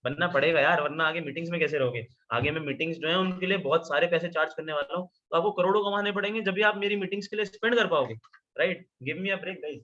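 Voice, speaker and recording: A man training a virtual meeting in Hindi mixed with English, animated and constantly asking his listeners questions. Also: a little high, fast talker. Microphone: video call. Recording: lo-fi video call audio.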